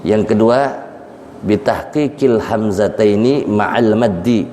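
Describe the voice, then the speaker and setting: Guy giving a quran lesson, slow and deep, drawn-out recitations, roomy hall echo. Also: dark tone, slight background noise. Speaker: Islamic teacher. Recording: echoey hall, faint ambience.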